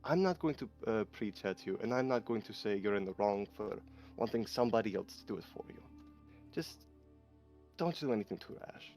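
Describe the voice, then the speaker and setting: Man as a low-voiced, earnest young mage. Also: animated, brisk, darkish tone, soft background music. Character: nervous but defiant young male illusion mage.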